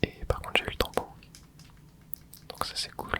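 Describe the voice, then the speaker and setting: A gaming creator whispers through an ASMR let's play at a normal speed, the voice breathy and unvoiced the whole way. The soft, casual commentary moves along in short remarks and little interjections.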